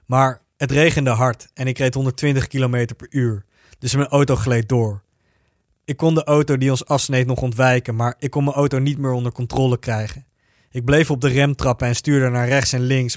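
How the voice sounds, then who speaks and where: A man reading a first-person story aloud in a steady, even narrating voice. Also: mid-range voice, dry recording, studio quality.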